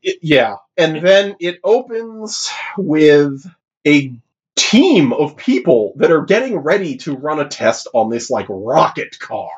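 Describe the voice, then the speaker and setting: A man co-hosting a casual movie podcast, animated, jumping into high mock voices for quotes. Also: takes it slowly, breathy edge, muffled recording. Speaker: podcast co-host.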